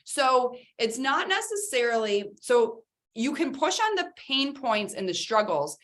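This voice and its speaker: A woman co-hosting a podcast in casual chat, talking in an animated, chatty way with lots of fillers. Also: fairly high pitch, unhurried. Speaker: podcast co-host.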